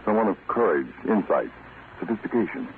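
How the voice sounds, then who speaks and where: In a 1940s radio drama, a man voices a counter-spy chief, an American in command who is brisk and secretive. His fairly low, expressive voice carries a grave, businesslike mood as he gives terse, deliberate, authoritative instructions. The vintage radio recording sounds tinny and noisy.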